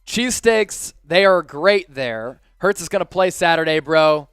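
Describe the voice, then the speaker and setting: A man's voice: fairly high pitch, lively intonation, measured pace, a bit bright, clear, resonant tone. A man co-hosting a live sports fan show, chatting casually and jokily with viewers as he reads out their comments.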